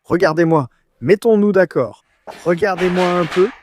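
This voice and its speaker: A man's voice: sits high, moderate pace, a little mellow, a little hiss or hum. A man bantering casually with friends, often repeating short commands insistently.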